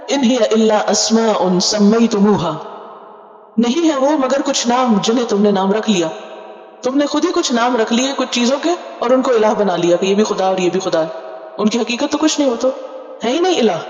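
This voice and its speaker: A woman's voice: on the high side, expressive, a little mellow. A woman Quran teacher giving a word-by-word tafseer lesson. She explains terms patiently, adds English glosses, and keeps asking her listeners questions that she then answers herself. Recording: echoey hall, dull lo-fi sound.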